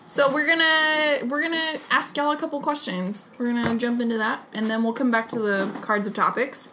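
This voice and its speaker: A woman's voice: a little high, moderate pace, sharp tone, a little hiss or hum. A woman co-hosting a casual podcast, giggly and rambling as she asks questions. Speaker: podcast co-host. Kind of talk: casual chat.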